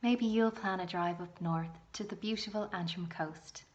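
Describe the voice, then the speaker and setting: A woman's voice: lowish voice, moderate pace, lo-fi sound. A woman with an Irish accent giving a promotional travel presentation as a host. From Ireland.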